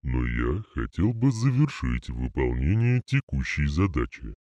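A male reader voicing a huge clay golem who speaks slowly with flat, unshakable calm. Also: a bass voice, no echo, dull audio, pitched below the performer's own voice, full character voice. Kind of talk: audiobook character reading.

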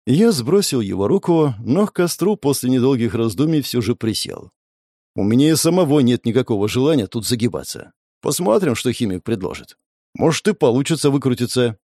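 A man reading an audiobook in the first person, with expressive, varied intonation. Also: medium pitch, a little fast, dry recording, studio quality. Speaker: audiobook narrator.

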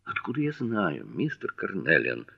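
A man's voice: mid-range voice, big pitch swings, brisk, dull audio, voice pushed up. A man voicing a stiff, irritable Victorian wife who speaks curtly. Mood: snappish.

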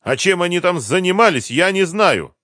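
A cornered driver squeals his denials in a strained, high, panicky pitch, as a male reader acts him out. The character voice rises and falls sharply. The recording is dry and close. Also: animated, moderate pace, bright, forceful tone, no room sound. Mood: frightened. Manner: shrill, frantic, high-pitched pleading. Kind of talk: audiobook character voice.

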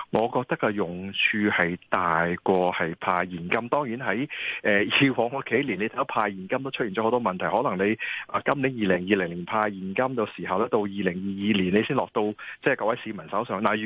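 A man's voice: lowish voice, no echo. A man with a Hong Kong Cantonese accent, a lawmaker interviewed by phone, laying out his arguments in an explanatory way. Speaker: lawmaker guest. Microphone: telephone. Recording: dry phone-line audio.

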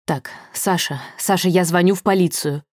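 A woman's voice: lowish voice, normal speed, a little mellow, no echo, clean studio sound, natural voice. A woman reading the lines of a tense young man trying to break someone out, urgent and strained.

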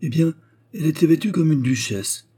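A man's voice: on the high side, animated, brisk, dark tone, slightly rough, pitched above the performer's own voice. A man voicing a sly old gossiping widow. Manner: gossiping, teasing, drawn out. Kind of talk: audiobook character voice.

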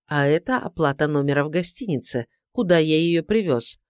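A woman's voice: low voice, animated, a little fast, dry recording. A woman reading the part of a tired, sardonic male private detective in a dry, grudging manner for an audiobook. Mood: weary. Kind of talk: audiobook character voice.

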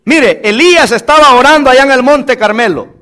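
A man's voice: very high voice, a little fast, sharp tone. A male pastor preaching from a church pulpit, emphatic and leading the congregation in call-and-response. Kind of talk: sermon.

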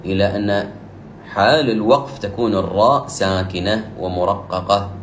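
A man teaching the rules of Quran recitation, explaining briskly and then reciting the example verses slowly and louder. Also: deep voice, echoey room, slight background noise. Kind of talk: tajweed lesson with recited examples.

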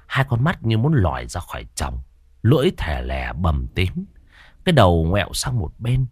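A man narrating a horror story in a dramatic, expressive way. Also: low voice, moderate pace, breathy edge.

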